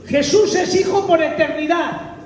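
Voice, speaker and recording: Male preacher, very high voice, lively and emphatic, distant in a reverberant church hall. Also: measured pace, a crowd in the background. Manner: animated, emphatic, addresses congregation as brothers. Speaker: visiting preacher. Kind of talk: sermon. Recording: echoey hall, mic far off.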